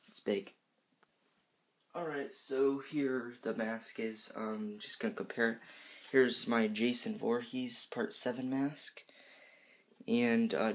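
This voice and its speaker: With a voice on the low side and full of vocal fry, a fifteen-year-old boy casually reviews horror movie masks. Unscripted, he rambles hesitantly and often corrects himself.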